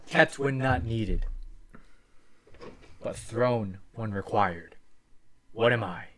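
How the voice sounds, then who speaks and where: Man voicing a booming, slow, riddling magic door. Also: fairly bright tone, slight background noise. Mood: portentous. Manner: slow, portentous riddle recital.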